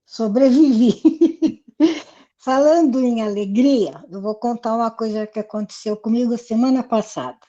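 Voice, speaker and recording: High-pitched lady telling a story on a video call, laughs a lot, kinda muffled sound. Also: unhurried, mellow. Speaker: group participant. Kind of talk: casual storytelling.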